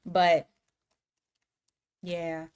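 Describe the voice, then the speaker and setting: A woman's voice: on the low side, completely flat delivery, very slow, darkish tone, slight background noise. A woman giving live tarot readings, talking casually to viewers, laughing often and circling back on her words. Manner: chatty, laughs often, restarts and fillers. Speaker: tarot reader.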